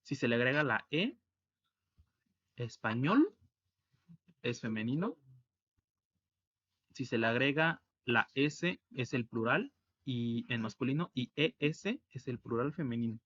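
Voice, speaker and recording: A man teaching a French lesson online, explaining slowly and repeating each word. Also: medium pitch, expressive, a bit bright, highs cut off. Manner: slow, careful explanation, repeating words.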